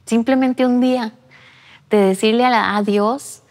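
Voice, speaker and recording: A woman's voice: on the high side, fairly even intonation, a little slow, a little mellow. A woman, telling her personal faith testimony earnestly in an interview at a church. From Costa Rica. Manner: earnest storytelling, re-enacting her own past words. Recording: long reverb of a large room.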